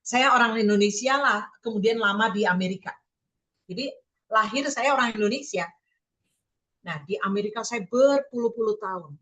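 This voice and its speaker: A woman giving a sermon-style Bible teaching. She addresses her listeners directly, often asks them questions, and reads scripture slowly, stressing key words. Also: a little high, a bit bright, low-quality recording. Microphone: online meeting with listeners muted.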